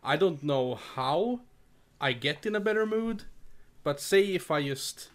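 A man with a slightly high voice chats casually on a podcast. He rambles and hesitates, often breaking into laughter. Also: lively intonation, unhurried. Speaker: podcast co-host. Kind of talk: casual chat.

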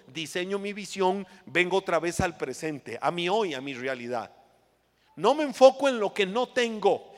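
A man preaching a sermon in an emphatic way, swinging between loud and hushed phrases as he acts out scenes. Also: fairly high pitch, long reverb tail.

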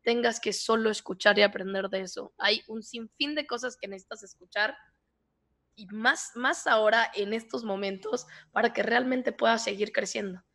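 Animated woman guest in a podcast interview. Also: a little high, normal speed, gravelly. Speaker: podcast host and speaker, guest. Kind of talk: conversational interview.

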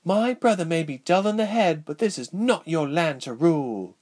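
A man voicing a frightened but defiant young princess in a high, breathless voice. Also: lively intonation, moderate pace, a little mellow.

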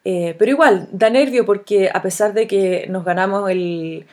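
A woman's voice: mid-range voice, a little mellow. Earnest Chilean woman podcaster. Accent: Chilean Spanish. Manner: thoughtful, earnest, many filler pauses. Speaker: podcast host. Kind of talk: solo reflective podcast monologue.

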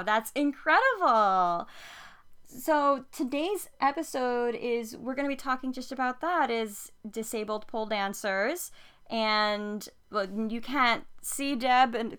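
A woman's voice: fairly high pitch, bright, forceful tone, smooth. A woman hosting a podcast and interviewing casually, with a gushing, enthusiastic way of talking. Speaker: podcast host.

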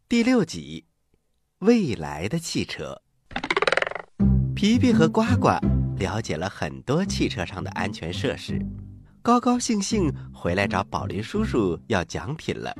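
A man hosting and narrating a scripted children's story in a theatrical, encouraging, avuncular way. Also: medium pitch. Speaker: storytelling host.

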